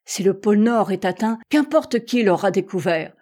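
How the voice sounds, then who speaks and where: A woman's voice: medium pitch, lively intonation, normal speed, natural voice. A woman voicing a gushing, tender old ship's doctor. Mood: tearful joy. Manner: effusive, tearful warmth. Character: kindly emotional male ship's doctor.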